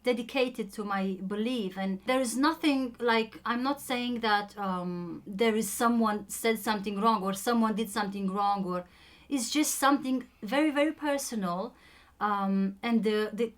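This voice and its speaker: A woman's voice: fairly high pitch, measured pace. A young woman with a Romanian accent, a native Romanian speaker telling her own story in a casual chat, hesitant and full of ums and restarts.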